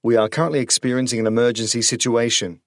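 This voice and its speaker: A man's voice: medium pitch, fairly even intonation, fast, no echo, studio quality. A man voicing a flustered, panicking control-room announcer speaking over a car radio. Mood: tense scripted. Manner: flustered, breaking into near-hysterical pleading. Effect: car radio broadcast.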